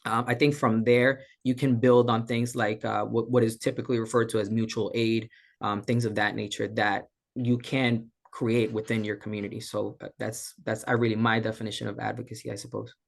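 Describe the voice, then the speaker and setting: Panelist, man from Colombia; gravelly, monotone, measured and reflective delivery over a video call. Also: fairly low pitch. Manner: reflective, measured, frequent "um" and "right?". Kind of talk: panel discussion remarks.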